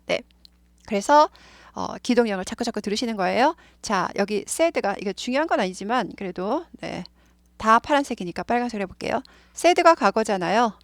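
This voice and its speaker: A woman's voice: on the high side, vocal fry, dry recording. Chatty woman teaching, dry close sound. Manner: chatty, many fillers like "예" and "네"; explains slowly, repeating words. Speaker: English teacher. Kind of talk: casual spoken lesson.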